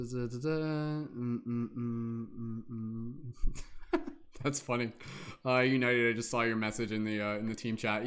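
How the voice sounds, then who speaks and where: A man's voice: mid-range voice, fairly bright tone. A man hosting a casual livestream as a tarot reader, chatty and upbeat, humming and scatting to himself between remarks. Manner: chatty, upbeat, hums and scats to himself while waiting. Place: in Canada.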